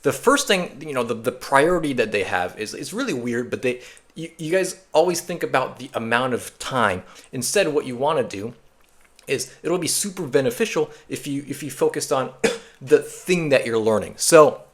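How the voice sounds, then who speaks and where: Young man, direct-to-camera coaching, emphatic, energetic, fillers and restarts, medium pitch. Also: moderate pace. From Japan. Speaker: Japanese coach and interpreter.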